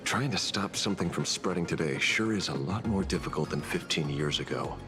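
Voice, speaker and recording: A man with a low, slightly fast voice plays a sly, teasing veteran investigator in a video game, lightly acted. His delivery is casual, wry and theatrical, with a suspicious edge, and music runs behind him.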